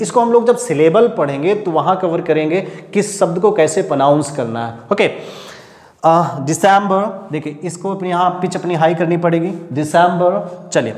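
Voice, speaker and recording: A male teacher explains in Hindi and slows down to model English phrases in an Indian accent. His voice sits a little high for a man. It rings in a room with long, echoing reverb. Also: a little mellow. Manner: explains with many fillers and check-ins. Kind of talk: explanatory online lesson.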